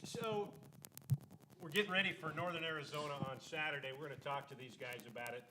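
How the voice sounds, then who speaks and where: A man's voice: on the high side, a little fast, pushed and bright, rough recording. A man hosting a sports talk show, chatting informally and bantering as he interviews. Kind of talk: casual interviewing. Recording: clear background noise, clicks.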